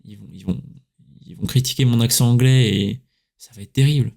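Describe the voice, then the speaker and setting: A man's voice: mid-range voice, a little fast, vocal fry. Man from France, podcast host, casual talk, lots of fillers, young adult. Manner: relaxed, chatty, many fillers and self-corrections. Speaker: podcast host, writer and coach.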